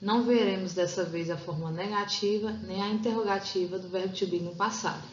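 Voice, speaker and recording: A Portuguese-speaking woman teaching an English grammar lesson over slides, explaining step by step and slowing down to read example sentences. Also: mid-range voice, steady tone, slight background noise. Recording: roomy, dull lo-fi sound.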